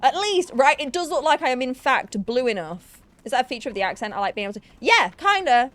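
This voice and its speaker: Her voice sits high and a bit bright, swinging widely in pitch as she talks fast. She's a young woman from Yorkshire, England, casually thinking aloud while streaming an online game, her accent Yorkshire with a hint of Newcastle, often restarting and making fun of herself.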